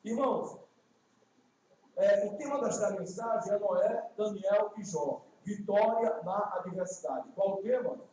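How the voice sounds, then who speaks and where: A high-pitched, mellow-voiced man in his fifties from Ceará, with a Northeastern Brazilian accent, preaching in a church. He mixes folksy, joking asides with slow, emphatic pronouncements. The sound is very echoey and picked up from far off. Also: slight background noise. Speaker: guest preacher. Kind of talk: evangelistic sermon. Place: church sanctuary. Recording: echoey distant church livestream.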